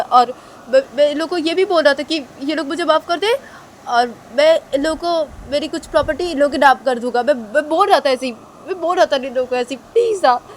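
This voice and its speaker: A woman's voice: high voice, a little hiss or hum, pitched above the performer's own voice, lightly acted. A woman voicing a panicked guilty man who keeps begging for forgiveness in a whiny, repetitive way. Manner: whiny, begging, repeats sorry and please.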